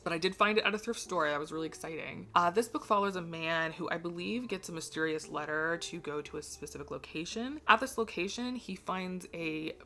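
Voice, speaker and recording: A woman book vlogger rambling casually to camera from her home library, chatty and self-deprecating, a little hoarse from losing her voice, with a slight vibrato. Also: on the low side, brisk, few pauses, pushed and bright. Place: home library between bookcases.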